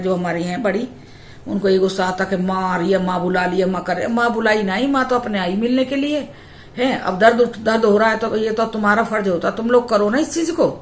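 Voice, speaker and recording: A woman's voice: medium pitch, reverberant. A young adult woman vlogger telling a personal story in a chatty, repetitive way. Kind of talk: casual storytelling.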